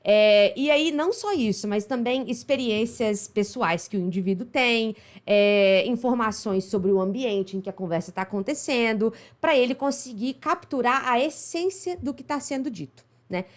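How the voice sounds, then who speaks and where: Teaching English pronunciation in a casual online lesson, a Brazilian woman with a Minas Gerais accent explains things chattily and often asks "right?". She speaks at a moderate pace with few pauses, in a voice on the high side.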